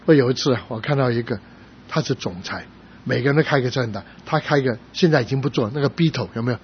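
A middle-aged male pastor preaching a sermon, telling stories with sudden loud emphatic rises. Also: medium pitch, fast talker. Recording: slightly dull sound with faint noise.

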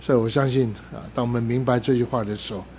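A pastor leading a fervent, repetitive prayer and then a sermon. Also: male voice, medium pitch, fairly even intonation, fast, a little mellow, lo-fi sound, slight background noise.

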